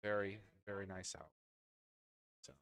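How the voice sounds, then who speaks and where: A man's voice: on the low side, fairly even intonation, unhurried, a bit bright. A man calling a pool league match live, chatting with his co-commentator between shots. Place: indoors at a pool league venue.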